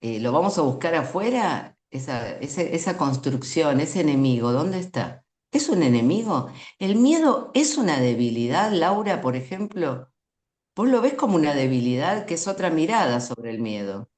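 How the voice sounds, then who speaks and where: A woman's voice: low voice, very animated, moderate pace, a little mellow. A woman podcast host, chatting reflectively and tossing questions to her co-hosts. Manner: reflective, tosses questions to the others. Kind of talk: casual conversation. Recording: roomy echo.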